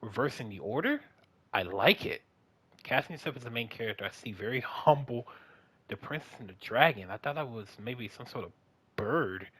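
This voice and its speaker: A young man playing a game and reading its text aloud, playful and excitable, swearing and breaking into loud outbursts. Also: mid-range voice, moderate pace, slightly rough. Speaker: let's play gamer.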